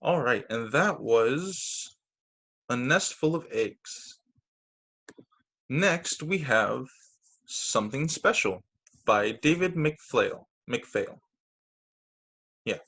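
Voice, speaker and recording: A teacher with a husky, medium-pitched voice reads picture books to children over a video call, speaking very slowly with long pauses. He reads expressively, acting out quoted lines and making casual remarks about the pictures.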